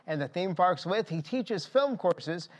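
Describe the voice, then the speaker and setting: Playful, teasing male game show host, higher-pitched voice. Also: animated, unhurried. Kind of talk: live game show hosting with banter.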